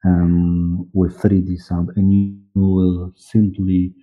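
Speaking from a dark room over a video call, this Polish-accented man in his forties is a guest being interviewed about his work as an audio drama director and producer. His unscripted answers come haltingly, with repetition as he searches for words, in a low, monotone voice. Soft music plays in the background, and the call audio sounds muffled, like a phone.

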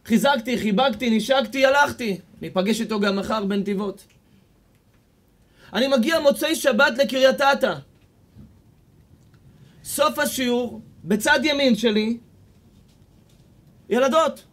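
High-voiced Israeli rabbi preaching passionately. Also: male voice, long pauses. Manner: impassioned storytelling, rising to near shouts. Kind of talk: sermon with retold stories.

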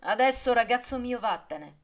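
A woman's voice: medium pitch, big pitch swings, moderate pace, close to an everyday voice. A woman voicing a swaggering young male swordsman in an audiobook, teasing and ironic as he taunts. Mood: grave. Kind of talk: audiobook character reading.

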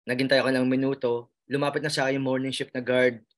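A Filipino nurse, interviewed after passing the licensure exam, speaks fast in a mid-range voice that barely moves in pitch. Earnest and emotional, with a Filipino accent, he keeps restarting, filling pauses and calling the host sir.

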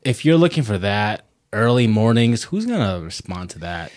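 A man's voice: on the low side, sing-song, normal speed, a little mellow. A man hosting a casual chat, laid-back, laughing often and repeating himself. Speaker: host.

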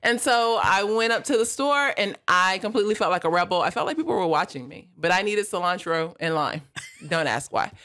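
Woman, co-host, casual live chat, playful, animated, bright sharp voice. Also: fairly low pitch, fairly quick.

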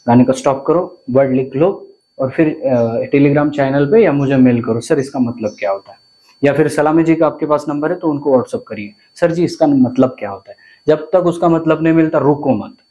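A man's voice: on the high side, darkish tone. A man, teaching vocabulary to viewers and often repeating words and asking questions. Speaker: language teacher.

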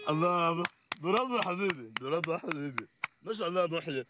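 A man's voice: a little high, expressive, fast, background noise, close to an everyday voice. An actor with an Egyptian accent playing a brash, poor male lawyer who teases and bickers in comic banter. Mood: mocking. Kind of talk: film comedy acting.

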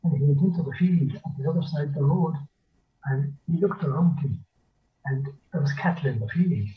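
A thin, phone-like video call carries an older man with a rural west of Ireland accent. His voice sits fairly high for a man. He tells folk tales in a lilting, rambling storyteller's way, circling back on phrases and pausing. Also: a little hiss or hum. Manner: lilting, rambling Irish storyteller with repetitions and pauses. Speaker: folklorist and storyteller. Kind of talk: oral folk storytelling in casual speech. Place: small dim room at home, indoors. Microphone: computer mic on a video call.

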